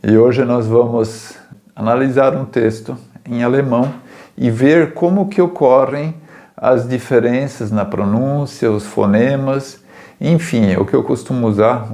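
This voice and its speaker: A man's voice: medium pitch, moderate pace, mellow. A man teaching German pronunciation, patiently repeating words and checking in with "tá?" and "certo?". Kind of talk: language lesson, explaining pronunciation.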